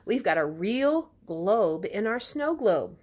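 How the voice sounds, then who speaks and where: A woman's voice: mid-range voice, very animated, slow pace, darkish tone, breathy edge, exaggerated voice. A woman reading aloud as a boastful, chatty schoolgirl in a children's storybook.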